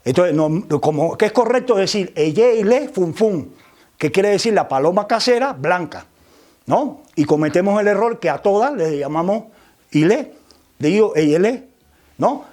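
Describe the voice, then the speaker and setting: High-voiced man teaching with tag questions. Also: animated, moderate pace, darkish tone. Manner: frequent tag questions, repeats words while searching. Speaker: religious teacher. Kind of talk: explanatory lecture.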